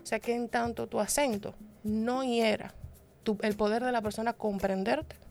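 A woman with a gravelly, creaky edge to her voice talks through her points on a discussion panel. She explains at length, building each idea and often checking in with the listener along the way. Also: on the high side, fairly even intonation, moderate pace, a little mellow, soft background music. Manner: explanatory, reasoning aloud with frequent tag questions. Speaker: panel guest.

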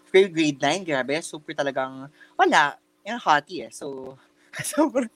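A man's voice: on the high side, a little slow, over a noisy crowd. A young man co-hosting a casual podcast, telling a story in chatty mixed Tagalog and English with lots of fillers and campy slang. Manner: chatty Taglish storytelling with many fillers and restarts. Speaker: podcast co-host. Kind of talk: casual chat.

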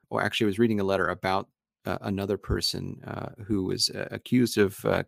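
A man's voice: deep voice, vocal fry, fairly bright tone, no room sound, clean studio sound. A man interviewing on a podcast, talking with many hesitations and restarts. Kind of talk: conversational interview.

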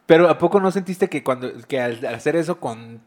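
A man's voice: fairly high pitch, lively intonation, a little fast. A man with a Mexican accent in casual chat, joking and full of slang. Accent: Mexican Spanish.

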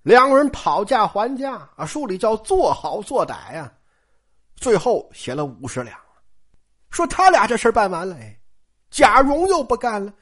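A woman's voice: mid-range voice, sing-song, normal speed, breathy edge. A woman telling a classic novel in a chatty, colloquial storytelling style, often addressing listeners directly.

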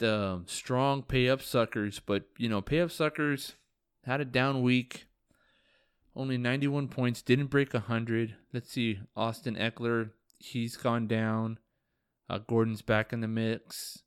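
With a clean, mid-range voice, this fantasy football podcaster sounds tired and keeps yawning as he recaps on his own. He jokes around, swears occasionally, and teases his league buddies, all in a dry, clean studio recording.

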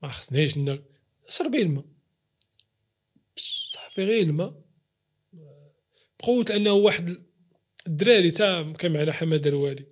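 A man's voice: a little high, expressive, a little fast, pauses often. A man with a Moroccan Arabic accent telling personal stories casually as an interview guest, acting out the dialogue he quotes. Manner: acts out quoted dialogue, swears oaths for emphasis. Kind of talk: casual, animated personal storytelling.

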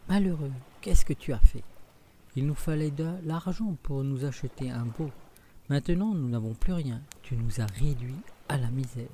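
A man's voice: mid-range voice, moderate pace, mellow, slight background noise, close to an everyday voice. A man voicing a poor widowed mother in a storybook reading, scolding her son.

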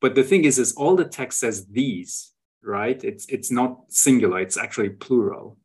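A man talks through his evidence in a relaxed, conversational way, checking in with his listener after almost every point. His voice sits at an ordinary pitch for a man, and he keeps returning to the start of a phrase before finishing it. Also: moderate pace, slightly rough. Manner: tag questions, frequent restarts. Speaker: guest sharing travel photos. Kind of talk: conversational explanation.

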